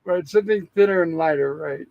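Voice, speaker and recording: A man co-hosting a live-streamed classic TV review show, casually retelling episode plots in a relaxed, storytelling way. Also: on the high side, fairly quick. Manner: relaxed storyteller paraphrasing scenes. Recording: dull lo-fi sound.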